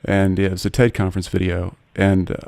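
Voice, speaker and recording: A man's voice: low voice, completely flat delivery, a little fast, gravelly, darkish tone, no room sound, studio quality. A man in his forties hosting a podcast interview, speaking in an earnest, personal and eager way. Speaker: podcast host.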